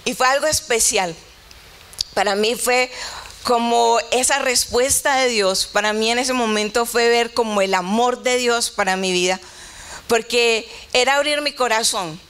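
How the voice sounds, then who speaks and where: A woman's voice: a little high, measured pace, fairly bright tone, clear, resonant tone. A middle-aged woman pastor, telling a personal story in a conversational sermon and voicing both sides of the dialogue.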